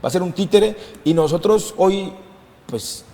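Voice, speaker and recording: A man's voice: sits high, lively intonation, unhurried, creaky, warm tone, big-room sound. A man from Colombia speaking as a political commentator on a talk show, impassioned and emphatic, repeating phrases for stress.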